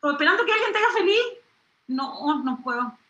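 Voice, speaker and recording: A middle-aged Chilean woman in a studio interview, animated, exclaiming and acting out little voices as she talks. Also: high voice, brisk, reverberant, highs cut off. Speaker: singer and comedian guest.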